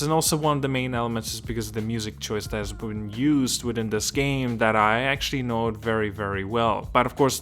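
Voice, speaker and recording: A man's voice: mid-range voice, fairly bright tone. Rambling gaming vlogger man from Estonia. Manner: rambling, restarts a lot, keeps asking if it makes sense. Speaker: gaming video host. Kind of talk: casual gaming commentary.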